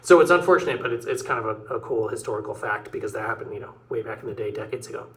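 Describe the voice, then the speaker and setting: A man hosting his own climbing video introduces the episode with casual chat, rambling through an anecdote and laughing. His mid-range voice races along and sounds a bit bright.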